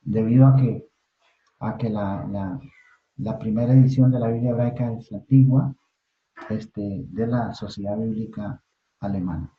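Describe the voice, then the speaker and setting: A man teaching biblical Hebrew in a recorded class, talking haltingly with many fillers and tag questions. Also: lowish voice, fairly even intonation. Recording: echoey room over a phone-like line.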